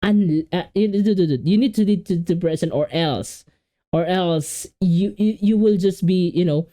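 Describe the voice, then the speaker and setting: A Filipino man whose first language is Filipino reacts casually on video with a Filipino accent. His high, warm voice is unhurried, and he rambles, often repeating and restarting words.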